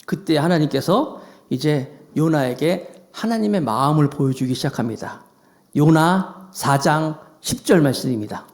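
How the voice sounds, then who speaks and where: A man preaching a Sunday sermon as pastor, animated, acting out quoted voices. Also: on the high side, measured pace.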